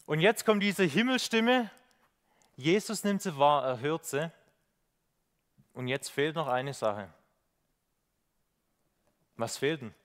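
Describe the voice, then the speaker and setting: A man preaching a reflective sermon with slides, pausing on fillers and asking rhetorical questions. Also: on the high side, animated, a bit bright.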